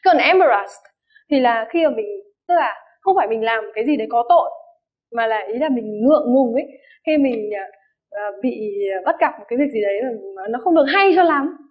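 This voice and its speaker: A woman's voice: fairly high pitch, lively intonation, a little fast. A woman English teacher explains vocabulary, giving many examples and often checking that her students follow. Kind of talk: vocabulary lesson. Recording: dull lo-fi recording.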